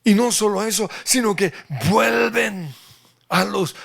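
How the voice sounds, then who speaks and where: A man preaching a sermon as a pastor, slow and emphatic, dropping often into near whispers for effect. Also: high voice, steady tone, vocal fry, a bit bright. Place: church.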